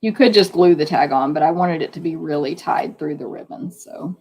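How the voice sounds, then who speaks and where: Woman craft instructor, hoarse and gravelly, chatty hands-on demo delivery. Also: low-pitched, moderate pace, a little mellow. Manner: chatty, hands-on explaining while working. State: losing her voice. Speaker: card-making instructor. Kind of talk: live craft demonstration.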